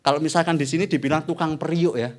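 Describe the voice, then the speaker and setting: A young man preaching a sermon in church, animated and asking the congregation questions. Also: a little high, fast. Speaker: evangelist preacher.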